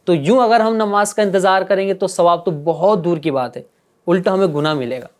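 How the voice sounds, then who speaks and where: A man teaching a religious lesson to children, gently coaxing them with repeated questions. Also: sits high.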